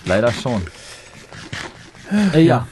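Joking gamer dad. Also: male voice, medium pitch, animated, takes it slowly, darkish tone. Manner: joking, teasing, rambling. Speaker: let's play gamer. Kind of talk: casual gaming banter. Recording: voice chat with faint background music.

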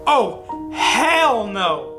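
A wisecracking, protective teenage boy, read aloud by a man who teases his friend. He is read out slowly, in chat-message style. Loud plucked guitar music runs under the voice. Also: sits high, sing-song, full character voice. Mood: joking. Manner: teasing, wisecracking delivery. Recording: music playing loudly behind.

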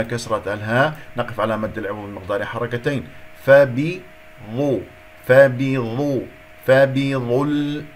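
A man gives a recitation lesson in a mid-height voice. He draws each word out slowly, then rattles off quick explanations and corrections, blessing his listeners as he goes. Faint ambient noise sits behind him. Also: medium pitch. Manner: slow drawn-out recitation alternating with quick explanations; corrective, repeats words and points out errors. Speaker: Quran recitation teacher.

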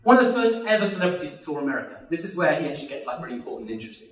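Animated man telling comic stories. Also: a little high, very fast. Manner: animated, laughing often, acting out quoted voices. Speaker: podcast guest telling history anecdotes. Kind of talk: comic storytelling. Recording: roomy sound from a distance.

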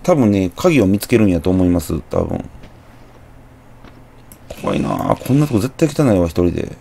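A man's voice: deep voice, big pitch swings, moderate pace, gravelly, mellow. A young man with a Kansai accent, chatting through a horror game, muttering to himself with jumpy exclamations. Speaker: gameplay commentator. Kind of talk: horror game let's play commentary.

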